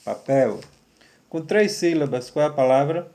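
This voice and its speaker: Brief: man, slightly high voice, patient grade-school teacher, encouraging. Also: a little slow, dark tone. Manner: patient, encouraging, spells out syllables. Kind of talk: remote classroom lesson.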